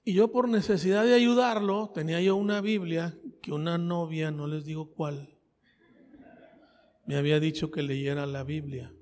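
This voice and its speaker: A man's voice: fairly high pitch, fairly even intonation, normal speed, a little mellow. A man with a Mexican accent preaching a sermon with his own testimony, talking conversationally, repeating phrases and asking his listeners questions. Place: church. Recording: reverberant church hall.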